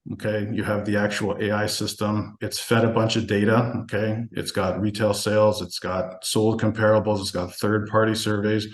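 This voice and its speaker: Low-voiced man pitching, echoey call. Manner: fast-talking, keeps checking in with listeners. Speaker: webinar presenter. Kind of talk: casual sales presentation.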